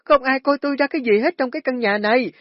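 A man's voice: very high-pitched, fast talker, no room sound, pitched above the performer's own voice. A man voicing a hysterical, stubborn older mother who shrieks and wails. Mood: wailing. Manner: shrieking, screaming complaints. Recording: dry, dull lo-fi recording.

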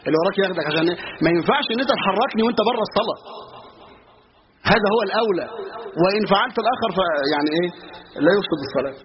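A man's voice: high-pitched, racing, long pauses, a crowd in the background. A man with an Egyptian Arabic accent giving a colloquial religious lesson, telling stories and asking rhetorical questions. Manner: storytelling, lively, asides and rhetorical questions. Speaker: religious teacher. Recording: muffled recording with steady hiss.

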